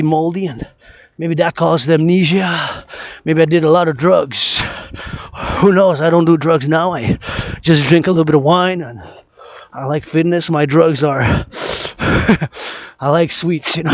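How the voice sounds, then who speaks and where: Walking among trees in a park, a man vlogs casually, rambling and circling back to repeat his phrases in a chant-like way. His pitch is fairly high and the recording dry, but noisy outdoors with clicks.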